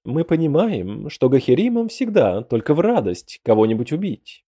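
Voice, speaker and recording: A man voicing a calm woman ruler who speaks quietly and reasons with the others. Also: medium pitch, husky, pitched above the performer's own voice. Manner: quiet, measured.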